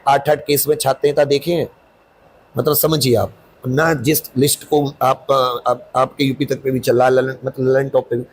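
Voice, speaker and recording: A man's voice: medium pitch, little pitch movement, normal speed, slightly rough. A man, a coaching teacher, answering interview questions in a defensive, insistent, rambling way.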